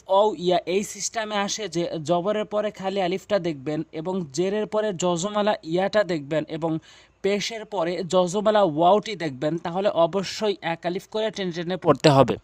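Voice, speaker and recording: A man teaching Quran reading, explaining letter sounds and repeating syllable drills at a measured pace. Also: high voice, no echo.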